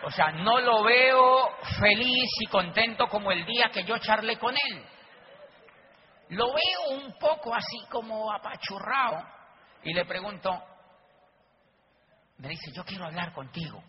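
A man with a notably high voice delivers an emphatic motivational talk, driving points home by repeating them. The sound is dull and lo-fi. A faint hiss sits underneath. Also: lively intonation, takes it slowly, long pauses. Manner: emphatic, repeats key lines, addresses audience. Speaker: motivational business speaker. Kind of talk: motivational talk with acted anecdotes. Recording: dull lo-fi recording with faint noise.

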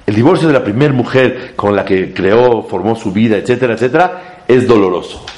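With a brisk pace and a darkish tone, this rabbi delivers a Torah class before a live crowd. He presses his points with upward pitch sweeps, speaks emphatically, and mixes in Hebrew words.

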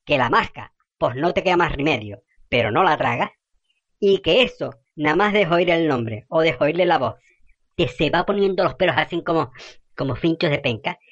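A fiery, foul-mouthed gossip in a comedy sketch. Her voice sits a little low, but her pitch swings widely as she rants in rural slang. The sound is slightly dull and lo-fi. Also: animated, moderate pace. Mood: ranting.

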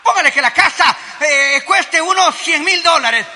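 A man preaching with a very high, piercing and bright voice. He talks straight to his congregation, calling them brother, and swings from forceful shouts to hushed asides. His words ring out with a long hall reverb. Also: animated, measured pace. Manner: addresses listeners directly as brother. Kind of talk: sermon.

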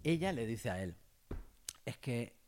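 Animated Catalan man, playful banter. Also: medium pitch, measured pace. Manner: jokey, wordplay, bursts into playful put-on voices. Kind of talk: casual comedic chat.

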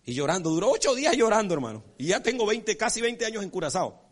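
A man preaching a sermon as pastor, folksy and animated, acting out characters and checking in with his congregation. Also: high voice, fast. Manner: repeats rhetorical check-ins with the congregation.

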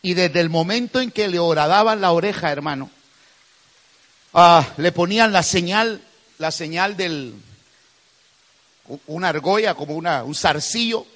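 A man's voice: sits high, a little slow, long pauses, fairly bright tone. A man, preaching a sermon as pastor, calling listeners "brother" and driving his points home with emphasis. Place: church hall. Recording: long hall reverb.

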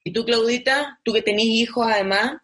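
A woman's voice: on the high side, moderate pace, a bit bright. A Chilean woman host asking friendly, probing interview questions.

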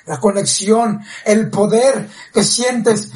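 A man with a Mexican accent playing a pompous, preachy life coach in a comedy parody, speaking slowly and solemnly. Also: high-pitched, darkish tone. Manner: slow, solemn, drawn-out preaching.

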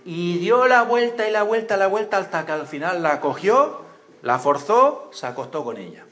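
A pastor preaching a sermon in church, telling stories with acted-out voices and questions to the congregation. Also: male voice, high-pitched, normal speed. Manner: animated storytelling, acts out voices and cries, asks the congregation questions.

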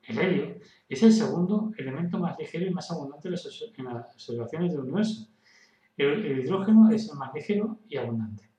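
A man's voice: on the high side, animated, fairly quick, mellow, echoey room, far from the mic, low-quality recording. A man hosting a casual science explainer, talking loosely, restarting and stumbling on words. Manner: casual, stumbles and restarts, tells a joke as a dialogue. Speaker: host.

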